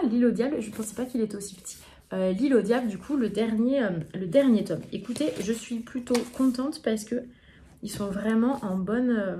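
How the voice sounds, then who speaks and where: A young woman from France talks casually to camera about her books. Her voice is mellow and low in brightness, and she sounds tired and yawning. Her speech meanders, full of hesitations and restarts. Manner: chatty, with frequent hesitations and restarts. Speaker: book vlogger. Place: home, indoors in the evening.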